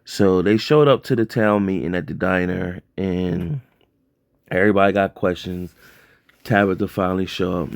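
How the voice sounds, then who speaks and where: A man with a deep, low-pitched voice talks through a TV episode recap in a relaxed, unscripted way. He rambles and corrects himself, leaning on fillers and "like". The sound is dry and close, with no room around it. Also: vocal fry, dry recording. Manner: loose and rambling, heavy on fillers and self-corrections. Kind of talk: casual spoken recap.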